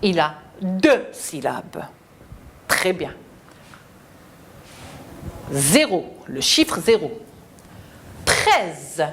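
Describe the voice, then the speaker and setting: A woman teacher giving a slow, deliberate phonics lesson to children, spelling out letters and syllables. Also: on the low side, big pitch swings, a bit bright, slight background noise.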